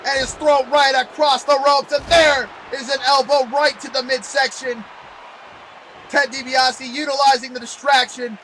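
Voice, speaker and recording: Guy doing excited wrestling play-by-play, really high forceful voice, some noise in the recording. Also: moderate pace, rough recording. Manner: excitable, exclamatory wrestling-commentator delivery. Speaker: wrestling commentator.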